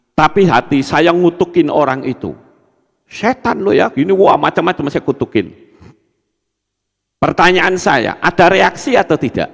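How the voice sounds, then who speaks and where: A male pastor preaching a sermon to a congregation, calling out to them and acting out quoted remarks in a soft, low voice. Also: creaky, in a large hall.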